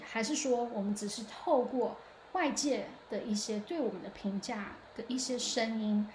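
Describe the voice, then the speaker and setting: Chatty woman with a higher voice. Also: a little hiss or hum. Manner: chatty and reflective, lots of hesitations and restarts. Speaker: podcast host. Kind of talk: casual solo podcast monologue. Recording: echoey room.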